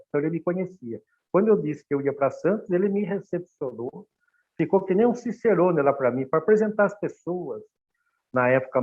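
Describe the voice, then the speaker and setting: Brazilian man, middle-aged, slightly high voice, narrow phone-like sound, animated personal testimony. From Brazil, São Paulo state. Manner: animated storytelling, acting out quoted dialogue. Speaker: guest speaker.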